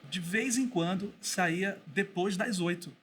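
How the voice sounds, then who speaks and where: A man speaking as a podcast guest and teacher, telling a story in a thoughtful way with pauses and restarts. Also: high voice, fairly bright tone, a little hiss or hum. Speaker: guest, Bible school teacher. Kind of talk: casual podcast conversation.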